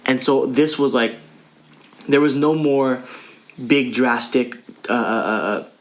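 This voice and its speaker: A man's voice: mid-range voice, slow pace. A young man sharing his faith journey in earnest, slightly preachy casual chat with some repeated words. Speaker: co-host of a couple's channel.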